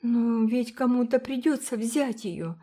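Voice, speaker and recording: A woman voicing a timid little girl who pleads earnestly in a high, gentle voice. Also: animated, unhurried.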